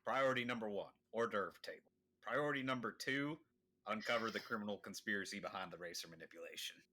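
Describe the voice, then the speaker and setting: Lower-voiced man joking at the game table. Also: fast talker, bright, forceful tone. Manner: joking, boastful in-game planning. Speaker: player. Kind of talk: casual game table chat.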